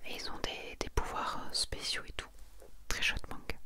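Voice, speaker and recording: In a soft, unhurried whisper, an ASMR creator shows off her manga collection. She reads passages aloud and comments on them in a hushed tone.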